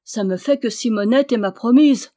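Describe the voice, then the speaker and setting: Voicing a timid young male peasant suitor for an audiobook, a woman stammers through humble country speech. Her pitch is fairly high and her tone dark, with a natural voice at a moderate pace.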